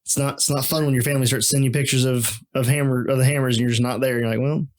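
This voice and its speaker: A man's voice: mid-range voice, fairly even intonation, racing. A man chatting casually on a podcast in a laid-back, slangy way. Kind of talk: casual chat.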